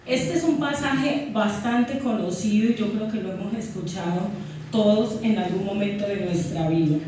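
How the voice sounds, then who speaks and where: A woman's voice: mid-range voice, moderate pace, noisy background. A woman preaching a sermon in a church, teaching the passage and asking her congregation questions. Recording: echoey church hall, mic from far off.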